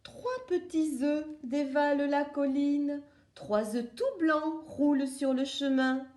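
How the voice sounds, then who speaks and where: High, slow storybook voice of a woman. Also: a little mellow. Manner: slow, sing-song, playful read-aloud. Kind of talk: children's storybook narration. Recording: roomy echo.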